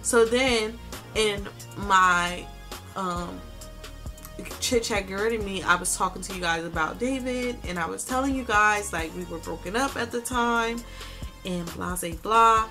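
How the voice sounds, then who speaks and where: A woman's voice: mid-range voice, measured pace, bright, forceful tone, soft background music. A young woman giving a casual life update on her vlog, chatty and full of "like"s, tearful at times. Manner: chatty, filler-heavy talk with many "like"s. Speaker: vlogger.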